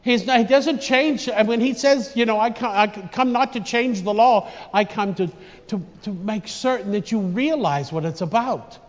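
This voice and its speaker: A man preaching an informal, conversational homily in a large echoing church, haltingly, often repeating and restarting his phrases. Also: high-pitched. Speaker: priest preaching. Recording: dull recording with long church reverb.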